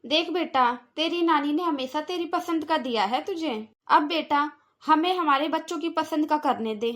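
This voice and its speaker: A sharp-tongued, stingy aunt, voiced by a woman for a cartoon, lecturing in a high voice. She talks down to her niece and her sister-in-law. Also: normal speed. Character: stingy, scolding aunt by marriage. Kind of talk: cartoon voice acting.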